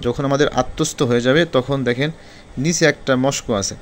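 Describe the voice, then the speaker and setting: A man teaching Quran reading, spelling out Arabic letters slowly one by one and explaining the rules more quickly. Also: mid-range voice, steady tone, a little hiss or hum. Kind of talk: spelling-out recitation lesson.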